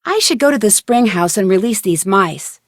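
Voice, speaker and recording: In scripted video game voice acting, a woman plays a plucky, curious young female detective, speaking earnestly and conversationally as though thinking aloud, in a lightly acted, matter-of-fact mood. Her medium-pitched voice has lively intonation and normal speed, captured at studio quality with no room sound.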